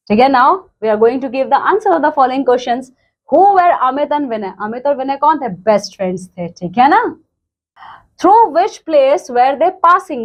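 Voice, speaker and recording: High-voiced woman teaching slowly. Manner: reads English lines slowly, explains quickly in Hindi. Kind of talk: textbook lesson explanation.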